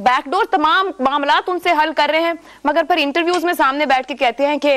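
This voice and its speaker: High-voiced woman anchor, pressing questions. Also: fairly bright tone. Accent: Pakistani Urdu. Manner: pressing, rapid-fire questions. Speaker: TV news anchor. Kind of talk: news talk show hosting. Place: TV news studio.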